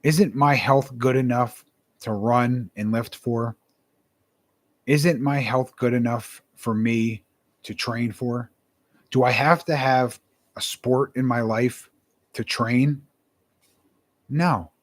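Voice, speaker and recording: A man's voice: medium pitch, fairly even intonation, slow, long pauses. A young man, a self-published author, talking casually and earnestly to camera, rambling and repeating his words.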